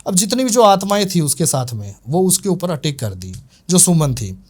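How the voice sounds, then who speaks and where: A man's voice: high-pitched, sing-song, normal speed. A man who works as a tantrik, retelling one of his cases in a casual, rambling way that loops back over the same points with many fillers. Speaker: tantrik guest telling a case. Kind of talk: casual spoken storytelling.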